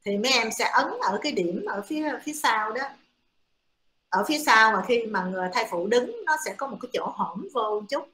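A woman's voice: on the high side, a bit bright, a little hiss or hum. A woman giving a classroom lecture to students, explaining step by step with many hesitant fillers. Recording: echoey room.

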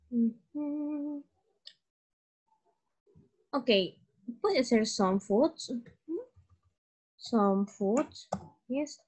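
Patient teacher, woman, slightly high voice, drills words one at a time. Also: a little mellow. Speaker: English teacher. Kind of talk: bilingual grammar lesson.

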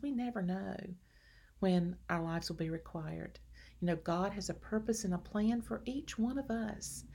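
Gravelly-voiced woman giving an earnest devotional. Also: medium pitch, slight background noise. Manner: earnest, gentle, preacherly, addressing viewers as friends. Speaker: homemaking channel host. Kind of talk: devotional talk.

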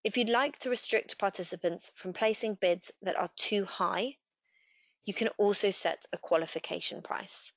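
A woman gives a scripted software walkthrough in a steady, clear voice. The recording is dry, with no room sound. It is also a little dull in tone. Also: medium pitch, moderate pace, no echo. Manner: steady, clear step-by-step instruction. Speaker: customer success manager. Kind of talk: scripted software tutorial narration. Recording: dry, slightly dull voice-over.

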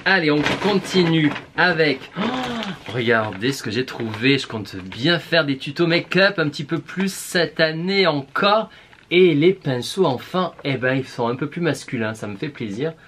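A man's voice: fairly high pitch, expressive, normal speed, a bit bright, slight background noise. A man with a southern French accent chatting casually to viewers in a shopping haul vlog, playful and full of exclamations. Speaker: beauty vlogger.

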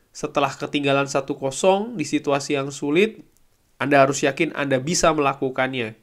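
Chatty man reviewing football. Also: on the high side. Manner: conversational, filler-heavy, paraphrasing quotes. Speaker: football channel host. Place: small room at home. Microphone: desk microphone.

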